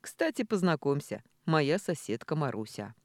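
A woman's voice: sits low, very animated, moderate pace, no room sound, studio quality. A woman voicing a jolly bearded village man. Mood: jovial teasing. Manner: laughing, loud.

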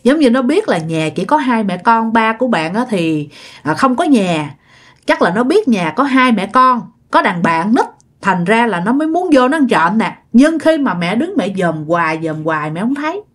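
A woman's voice: fairly high pitch, big pitch swings, normal speed. A woman with a Southern Vietnamese accent, chattily retelling a listener's ghost story and repeating words for effect.

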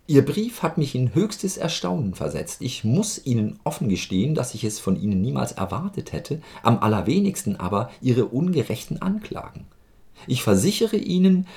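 A prim indignant lady, reading her reply letter in a lifted, put-on voice that still carries a gravelly, darkish grain underneath, as a man reads her out. in a storybook reading, she stays stiff and offended throughout. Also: mid-range voice, warm tone, pitched above the performer's own voice. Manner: raised, affected letter-reading voice.

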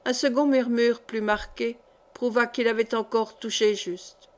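A woman reading a historical novel aloud as an audiobook, in measured, expressive narration. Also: a little high. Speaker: audiobook reader.

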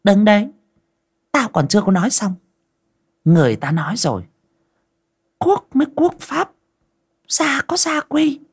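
A narrator voicing a cruel mistress of the house who scolds in a sour, shrill voice. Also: very animated, a little slow, pauses often, husky, exaggerated voice. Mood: scolding.

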